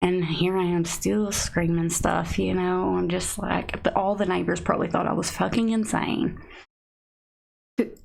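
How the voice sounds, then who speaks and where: A woman's voice: fairly low pitch, flat delivery, measured pace, vocal fry, darkish tone. A young woman telling a story on a live stream in a rambling, casual way, full of "like" and restarts. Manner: rambling, filler-heavy, frequent "like".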